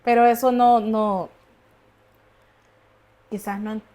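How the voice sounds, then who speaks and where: A woman's voice: a little high, level tone, slow, darkish tone. Reflective woman host. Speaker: podcast host. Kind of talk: interview conversation.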